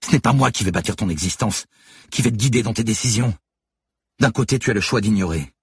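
A man's voice: extremely low pitch, fairly even intonation, normal speed, breathy edge, no echo, studio quality, exaggerated voice. A man voicing a weary young policewoman, firm and compassionate, speaking through tears. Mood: impassioned. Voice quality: tearful, insistent.

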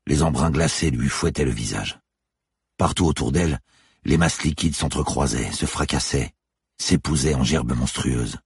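A man narrating a thriller audiobook in a measured, somber way. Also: very deep voice, vocal fry, a little mellow, slightly rough, no room sound, clean studio sound.

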